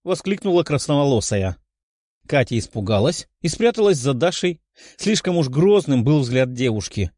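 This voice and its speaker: A man's voice: mid-range voice, very animated, normal speed, darkish tone, no room sound. A man narrating a fantasy story expressively as an audiobook reader.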